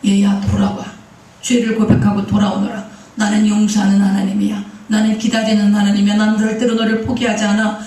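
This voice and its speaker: A preacher voicing a patient God calling home. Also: female voice, mid-range voice, completely flat delivery, fairly quick, mellow, close to an everyday voice. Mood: coaxing. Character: patient fatherly God calling a lost child. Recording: echoey sanctuary heard from far off.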